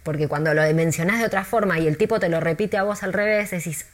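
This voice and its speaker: An Argentine woman who works as a tour guide chats in an interview, telling stories in a lively way with many restarts. She speaks fast in a lowish voice with an Argentine Spanish accent.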